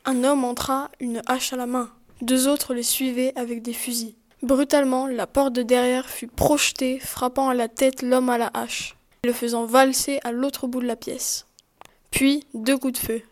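High, flat-voiced woman narrating a story. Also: measured pace. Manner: announces chapter titles.

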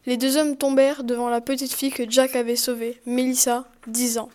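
A woman narrates a story aloud and announces each chapter. Her voice is high and stays flat and even, with little rise or fall. The reading is plain and steady. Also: a little fast, a little hiss or hum.

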